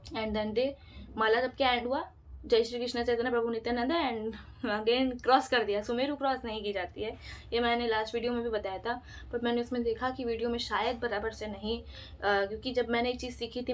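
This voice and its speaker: A woman talks through a devotional chanting lesson in a relaxed vlog, her voice sitting a little high. She chats along, mixing in English phrases and demonstrating with her hands as she explains. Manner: chatty, mixes Hindi with English phrases. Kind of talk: casual instructional vlog.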